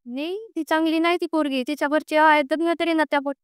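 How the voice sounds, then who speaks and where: This is a recorded emotional phone call in which a young woman, a fast talker with a high, steady voice, airs a personal grievance. She comes across as insistent, aggrieved and pleading, repeating herself, and the audio is dry and of studio quality.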